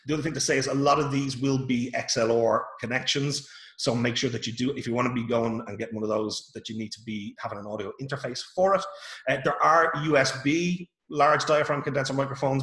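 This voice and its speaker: Presenting a relaxed workshop over video call from his home, an Irish-accented man speaks at medium pitch with a fairly bright tone. The sound is roomy, and his informal delivery is full of fillers and false starts.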